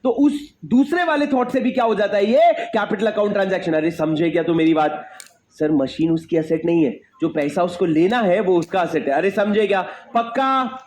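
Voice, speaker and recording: A man's voice: sits high, moderate pace, darkish tone, slight background noise. A young man, giving an emphatic classroom lecture, repeating his questions and calling on students by where they sit. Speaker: teacher.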